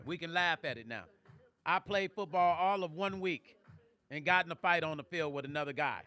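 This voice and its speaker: A man's voice: a little high, normal speed, pushed and bright. An older man hosting a casual livestream, talking emotionally and rambling to viewers on a close studio mic. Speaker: vlog host.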